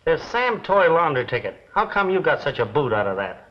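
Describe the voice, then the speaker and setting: An actor playing a brash, wisecracking, nosy newspaper reporter in a 1930s film, talking in flippant slang. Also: male voice, on the high side, very animated, a little fast. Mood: pressing, cocky. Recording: dull, hissy vintage film soundtrack.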